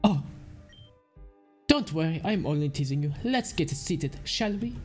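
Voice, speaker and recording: A man's voice: a little high, expressive, a little fast, mellow, faint music behind. A man voicing a genial, formal male ship captain in a put-on accent while reading game dialogue aloud. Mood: teasing. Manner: formal, teasing, welcoming.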